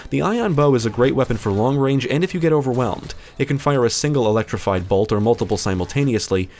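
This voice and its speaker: A man's voice: mid-range voice, lively intonation, quick pace, a little mellow, a little hiss or hum. A man narrating a scripted video game review as a voice-over.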